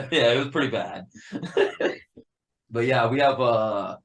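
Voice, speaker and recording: A man's voice: mid-range voice, lively intonation, slow, fairly bright tone, poor audio. A man in a band, chatting casually in an interview, laid-back, laughing often and swearing freely. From Upper Peninsula of Michigan. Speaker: band member guest.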